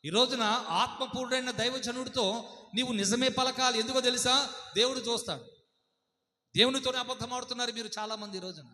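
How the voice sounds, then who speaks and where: Telugu pastor guy preaching hard, sharp bright voice, long reverb like a big hall. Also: very high-pitched, a little fast. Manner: fervent, preaching with rhetorical questions. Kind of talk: sermon.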